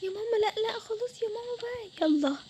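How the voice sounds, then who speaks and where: A woman's voice: extremely high pitch, fairly even intonation, fast talker, warm tone, slight background noise. A young woman with an Egyptian Arabic accent telling a story with toy game figures, sounding worn-out and complaining.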